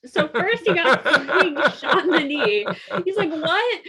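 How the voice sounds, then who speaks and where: A woman's voice: sits high, animated, moderate pace, over a noisy crowd. A woman narrating as game master of a tabletop game, loose and giggly, with casual swearing.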